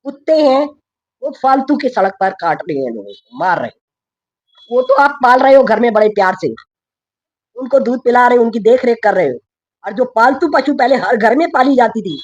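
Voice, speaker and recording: A woman's voice: medium pitch, a little mellow, breathy edge, no room sound, highs cut off. A woman activist giving an impassioned public speech, declaiming fervently and repeating her phrases for emphasis. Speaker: cow-protection activist.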